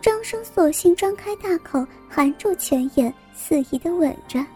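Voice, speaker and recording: A woman reads a scripted story in a high, mellow voice with a warm, dark tone. Her delivery is soft and even, carrying the narration steadily. Faint music plays quietly underneath. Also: measured pace.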